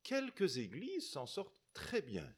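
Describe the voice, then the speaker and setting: This unhurried sermon comes from a middle-aged Belgian guest preacher whose slightly high voice swings hugely in pitch. Speaking with a Belgian French accent, he chats with the congregation, frequently restarting and ending lines with questions.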